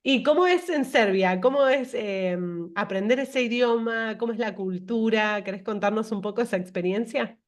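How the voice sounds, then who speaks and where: A woman hosts a casual interview. Her voice sits a little high, and she talks in a chatty, playful way. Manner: chatty, playful, quick to laugh. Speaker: interview host.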